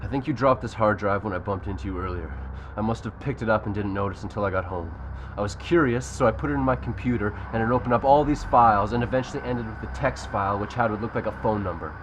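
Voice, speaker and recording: A man's voice: lowish voice, fast talker, lightly acted. Echoey, urgent man, acted, demanding answers. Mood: earnest, uneasy. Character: confused, insistent young man demanding answers. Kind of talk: short film dialogue. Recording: echoey room with faint background noise.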